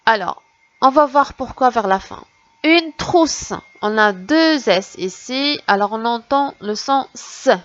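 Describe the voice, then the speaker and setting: A woman teaching a reading lesson to young children, slow and patient, sounding out words and syllables one by one. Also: on the high side, dry recording, dull audio. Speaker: primary school teacher.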